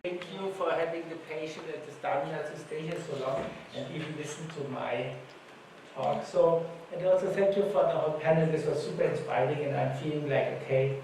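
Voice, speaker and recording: Brisk and fairly high-pitched with a darkish tone, a conference panelist from Germany, whose first language is German, shares casual stories in his talk. The recording comes from a distant mic in an echoing conference hall, with some faint noise.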